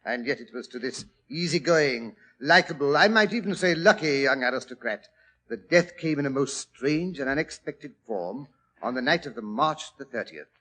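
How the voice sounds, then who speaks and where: An actor playing a genial, chatty English doctor telling old detective adventures in 1940s radio drama style. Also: male voice, medium pitch, normal speed. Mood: storytelling. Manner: chatty, old-fashioned gentlemanly, expressive.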